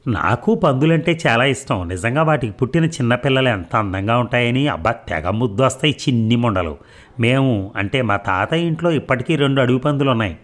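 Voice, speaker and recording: A man's voice: mid-range voice, animated, brisk, lightly acted. A man voicing a playful, teasing young woman as he reads a novel aloud.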